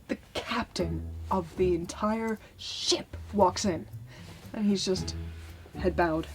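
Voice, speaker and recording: Star-Lord, a boastful space rogue, voiced by a woman. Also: a little high. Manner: excitable, rambling, self-mocking. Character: boastful, carefree young male space adventurer. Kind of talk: comic monologue storytelling. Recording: music playing underneath. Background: music.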